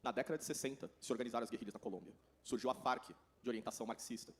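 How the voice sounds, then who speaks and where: Fast-talking Brazilian man interpreting. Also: mid-range voice. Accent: Brazilian Portuguese. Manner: rapid, running translation. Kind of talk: consecutive interpretation.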